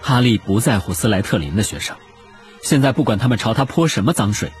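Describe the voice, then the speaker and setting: A man reads a novel aloud as narrator. His voice sits low. He tells the story expressively, with a lively, varied pitch. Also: quick pace, soft background music. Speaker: audiobook narrator. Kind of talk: scripted narration.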